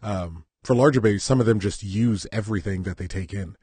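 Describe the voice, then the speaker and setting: A man from Southern California with a low, husky voice rattles along at a quick clip, blunt and profane in casual podcast chat. The sound is dry and close, with no room around him. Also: a little mellow, no room sound. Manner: blunt, profane, mock-patriotic ranting. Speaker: podcast co-host.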